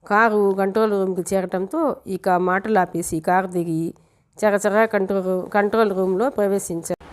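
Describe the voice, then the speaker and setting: A woman reading a novel aloud as an audiobook narrator, in steady storytelling narration. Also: medium pitch, moderate pace.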